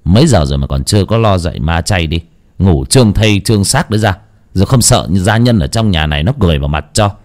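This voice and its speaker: A man's voice: sits low, expressive, fast talker, darkish tone. A man voicing a hot-tempered young master of a household in a storybook tale, barking bossy commands.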